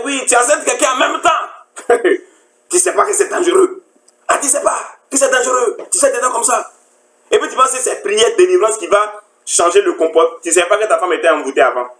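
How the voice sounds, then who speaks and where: A woman relationship coach giving a lecturing monologue, mocking her listeners with the same rhetorical question over and over. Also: mid-range voice. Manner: mocking, rhetorical, repeats "you didn't know that". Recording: roomy echo.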